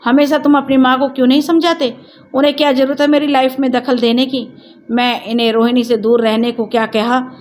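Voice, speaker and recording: A woman voicing an angry young wife in a storybook tale, shouting bitter, sarcastic accusations. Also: high voice, little pitch movement, a little fast, natural voice. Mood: furious.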